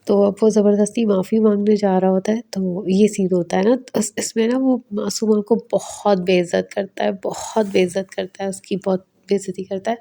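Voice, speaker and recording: A woman's voice: mid-range voice, steady tone, creaky, few pauses, warm tone. A woman with a Pakistani Urdu accent, recapping a TV drama episode in a casual, chatty way and briefly voicing the characters' lines as she retells them. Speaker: drama reviewer.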